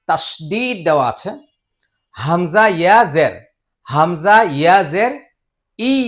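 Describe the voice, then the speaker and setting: A man teaching Quran pronunciation step by step, patiently drilling each syllable again and again with drawn-out sounds. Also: high-pitched. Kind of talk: slow step-by-step pronunciation lesson.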